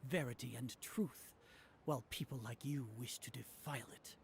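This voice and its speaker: A haughty, scornful scholar chief. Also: male voice, mid-range voice, moderate pace, vocal fry, a little mellow, husky. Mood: contemptuous. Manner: condescending, lecturing. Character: haughty older male scholar leader, contemptuous. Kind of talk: dubbed game voice acting.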